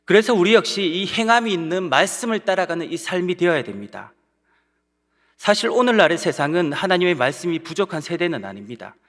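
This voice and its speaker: A man's voice: on the high side, a bit bright. A man preaching a Sunday sermon as pastor, earnest and putting rhetorical questions to his congregation. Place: church sanctuary. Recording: long church-hall reverb.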